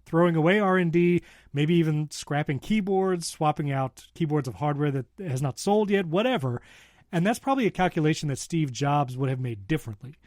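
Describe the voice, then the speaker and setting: A man's voice: fairly high pitch, lively intonation, brisk, darkish tone, no echo, clean studio sound. A man co-hosting a casual tech talk show, chatting and laughing often as he reads out the news. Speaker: podcast co-host.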